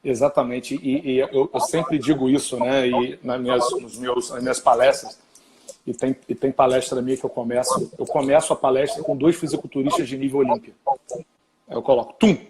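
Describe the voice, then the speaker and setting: Over background crowd noise, a physician who also lectures speaks fairly quickly at medium pitch. He's animated during the live-stream chat, sharing stories and readily agreeing with others.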